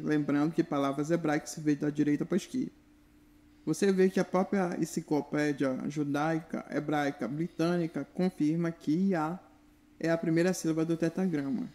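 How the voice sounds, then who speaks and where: A man's voice: on the high side, dark tone. A man, giving a direct, instructive video lesson to the viewer. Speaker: religious teacher.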